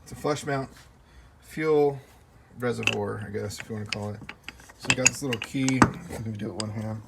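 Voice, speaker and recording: A man's voice: on the low side, moderate pace, vocal fry. An American man giving a casual, unscripted, upbeat update as a car build vlogger, in informal slangy words. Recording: faint vehicle and ambient noise.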